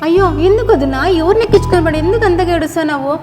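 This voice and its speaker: A woman's voice: extremely high pitch, lively intonation, very fast. A woman playing a nosy, whiny young sister-in-law. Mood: pleading. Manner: pleading and nosy. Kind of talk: melodramatic short-video acting. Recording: roomy reverb with background music.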